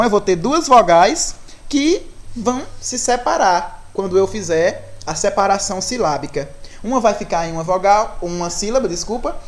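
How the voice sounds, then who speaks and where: Woman, Brazilian accent, Portuguese teacher, lively intonation, patient step-by-step explanations. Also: medium pitch. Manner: explaining step by step, often checking with "né?" and "tá certo?". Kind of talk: recorded online lesson.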